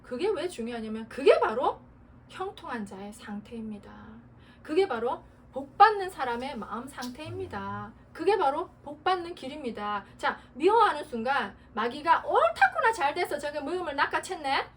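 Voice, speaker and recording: High-voiced woman pastor preaching from afar. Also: expressive, moderate pace. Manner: earnest preaching, laughing and acting out prayers. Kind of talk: sermon. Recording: distant mic with faint noise.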